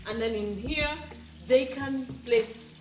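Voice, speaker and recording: A woman's voice: on the high side, slow, darkish tone. A woman presenting a home makeover reveal in a gushing, delighted, admiring way. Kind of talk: makeover reveal vlog narration. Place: indoors in a house, walking between rooms. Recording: roomy echo, distant mic, background music. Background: music.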